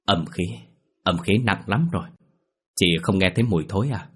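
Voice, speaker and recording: A man's voice: sits low, moderate pace, husky. A man doing a grave old exorcist. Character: grave older male exorcist, calm and ominous.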